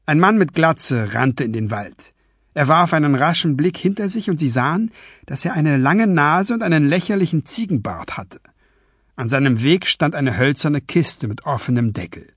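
A man narrating a fantasy audiobook in an expressive storytelling voice. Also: on the high side, normal speed, slightly rough, no room sound, clean studio sound.

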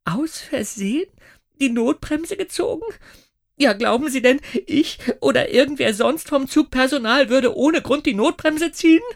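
A man's voice: very high voice, moderate pace, gravelly, pitched above the performer's own voice. A man voicing an indignant middle-aged woman train conductor who sobs and then snaps back. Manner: sobbing then snapping indignantly.

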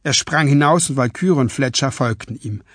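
A man narrating a fantasy audiobook in an expressive storytelling voice. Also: mid-range voice, moderate pace, breathy edge, no room sound, clean studio sound.

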